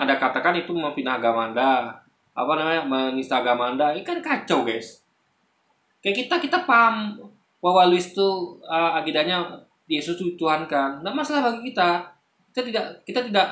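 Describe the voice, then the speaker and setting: Man, fairly high voice, heated casual commentary to camera, lots of fillers and self-corrections, echoey room sound. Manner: animated, argumentative, often addresses listeners as "guys". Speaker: online commentator. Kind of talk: casual spoken commentary to viewers.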